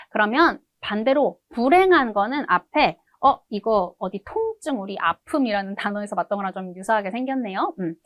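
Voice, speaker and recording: A woman teaching an online language lesson, with a bouncy, animated pitch that rises and falls a lot. She explains patiently and answers her own questions. Her voice is close and dry, with no room echo. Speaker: French teacher.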